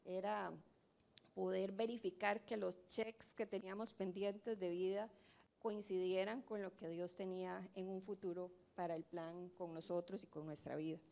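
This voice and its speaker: Here is a woman sharing her testimony before a church audience. Her voice sits at an ordinary middle pitch, and she speaks in a reflective, heartfelt way. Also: fairly even intonation, normal speed, gravelly, darkish tone. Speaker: guest giving a testimony.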